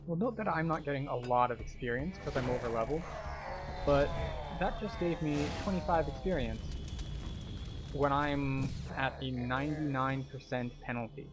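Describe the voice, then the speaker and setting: A man with a mid-range voice speaks at a moderate pace over music, giving live gameplay commentary in the role of a tour guide. He is a game streamer and tour guide who explains things step by step.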